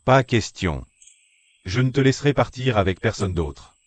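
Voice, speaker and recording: A man dubbing a brooding, possessive tough schoolboy, talking low, slow and blunt. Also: expressive, no echo, lightly acted. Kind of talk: French dub of a series.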